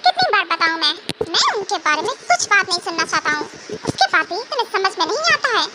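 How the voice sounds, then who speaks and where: A hot-tempered young husband with anger issues, played by a woman in a fan audio drama, all sweet talk until he snaps. The voice sits very high, and there is steady noise from a home recording underneath. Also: a little fast. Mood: angry. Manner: sweet-talking, then snapping and shouting.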